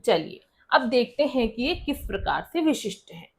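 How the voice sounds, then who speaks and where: A woman's voice: fairly high pitch, big pitch swings, moderate pace, vocal fry, darkish tone. A woman teacher explaining a school lesson, often asking students a question and then answering it herself.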